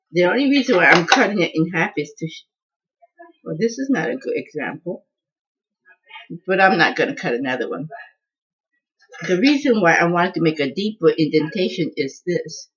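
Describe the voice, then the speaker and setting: A woman's voice: on the low side, a bit bright. A woman home cook in a casual cooking video, chatting as she tastes and often restarting her words. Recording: dull lo-fi sound.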